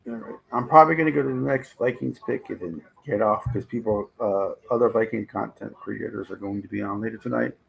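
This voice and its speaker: A man hosting a live stream, hoarse and losing his voice, reacting to draft picks and answering his chat in casual commentary. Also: fairly low pitch, fairly quick, hardly any pauses, lo-fi sound. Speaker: livestream host.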